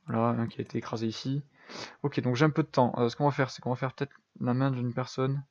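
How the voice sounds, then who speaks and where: A man's voice: mid-range voice, fairly even intonation, quick pace, a little mellow, dull audio. A young man giving casual, self-deprecating commentary over a building game, thinking aloud with lots of fillers. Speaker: gaming YouTuber.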